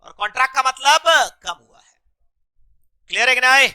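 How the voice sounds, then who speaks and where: A man's voice: very high voice, moderate pace, sharp tone, clear, resonant tone. A male economics teacher lecturing a class, mixing terms into his speech and constantly prompting students to answer back. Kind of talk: classroom lecture with call-and-response questions.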